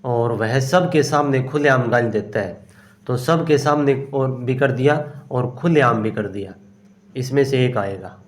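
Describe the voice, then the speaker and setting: A man teaching exam-prep grammar, working through each question aloud and answering his own questions. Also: medium pitch. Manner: explains step by step, asks and answers himself; slow and unhurried, often says "okay". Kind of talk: solving a grammar test aloud.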